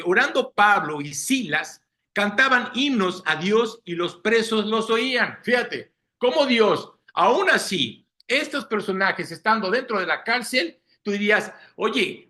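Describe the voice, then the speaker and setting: Guy preaching a sunday sermon, high bright voice, keeps going "¿sí?". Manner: asks listeners rhetorical questions, frequent "¿sí?".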